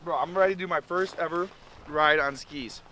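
Hyped young man with a high voice. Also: a little fast, pushed and bright, a little hiss or hum, poor audio. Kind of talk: casual chat.

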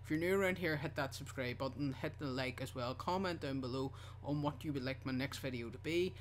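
A man's voice: medium pitch, brisk. Male gaming video host, casual chatty address, slightly noisy recording with game ambience. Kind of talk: casual video sign-off to viewers.

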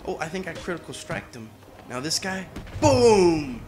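A man's voice: fairly high pitch, expressive, fairly quick, fairly bright tone. A young man giving casual let's play commentary, playful and boastful, often exclaiming as he plays. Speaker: gamer.

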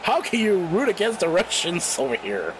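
A man's voice: high-pitched, wildly swooping pitch, moderate pace, background noise. A man doing casual, rambling commentary on a live stream, giggling often and apologizing with a laugh. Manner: giggly, rambling, self-deprecating. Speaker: wrestling commentator.

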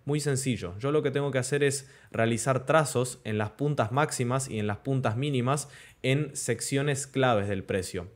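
Young male trading tutor, patient explainer on webcam, slows on key terms. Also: medium pitch. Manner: explanatory, checks in with "¿ok?" and "¿de acuerdo?". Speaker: crypto trading instructor. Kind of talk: screen-share chart tutorial. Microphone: webcam in corner of screen recording.

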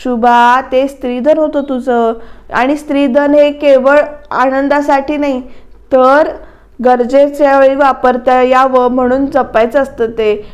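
A woman's voice: high-pitched, fairly even intonation, unhurried, lo-fi sound. A woman voicing an aging father who scolds and repeatedly presses his wife about money. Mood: insistent. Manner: insistent, scolding, repeats demands.

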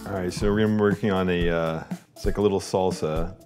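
Low-voiced middle-aged guy chatting while cooking, roomy kitchen sound, music behind. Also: steady tone, quick pace, darkish tone. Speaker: host. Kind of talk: casual cooking show chat. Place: home kitchen.

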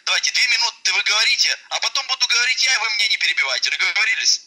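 A man's voice: high voice, lively intonation, very fast, bright, forceful tone, husky, low-quality recording. A man on an argumentative sales call, condescending and domineering, heard through a telephone speaker. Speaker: phone caller posing as investment expert.

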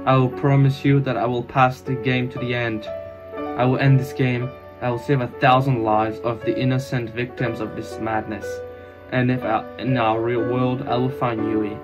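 Over music, a man plays a devoted, anguished young swordsman for an amateur anime fan drama, his English stilted and his delivery melodramatic and halting. He uses his natural mid-range voice, and the recording is muffled.

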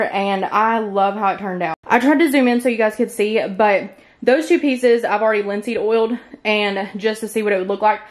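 A woman in her thirties talking casually over renovation footage, chatty and relaxed, with lots of fillers. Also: mid-range voice. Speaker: homestead vlogger.

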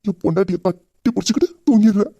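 A man's voice: high-pitched, creaky, mellow, dry recording, dull audio. A man with a Tamil accent playing a loving young husband who grieves his mother, talking intimately and heartfelt. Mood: tender. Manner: intimate, heartfelt, rapid talk. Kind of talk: romantic audio drama.

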